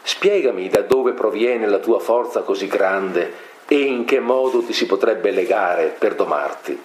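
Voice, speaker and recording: A man's voice: fairly low pitch, expressive, a little slow. A man reading a reproachful pleading woman. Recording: echoey room, faint noise.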